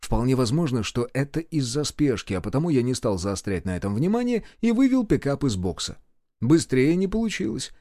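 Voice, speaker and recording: A man narrating a first-person audiobook in a brisk, wry storytelling manner. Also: medium pitch, big pitch swings, dark tone, no room sound, clean studio sound.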